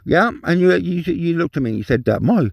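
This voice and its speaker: A man's voice: fairly high pitch, animated, fast talker, vocal fry, no room sound, lo-fi sound. A man from England ranting in an agitated personal monologue, repeating himself and swearing in emotional outbursts. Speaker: vlogger.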